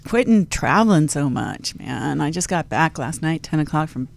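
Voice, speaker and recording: A woman's voice: low voice, big pitch swings, normal speed, gravelly. A woman hosting a radio talk show in a studio, chatting casually and rambling with light jokes. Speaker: show host. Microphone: studio mic with headphones.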